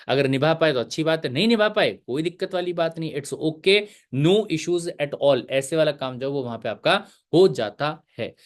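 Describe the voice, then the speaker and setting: Chatty, joking male teacher, slightly high voice. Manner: chatty, joking, mixes English terms into Hindi. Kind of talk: live online lecture.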